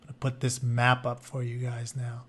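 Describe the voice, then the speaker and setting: In a mid-range voice with a completely flat delivery at normal speed, a man teaches by reading a book aloud. He blends the narration with informal, chatty explanations along the way.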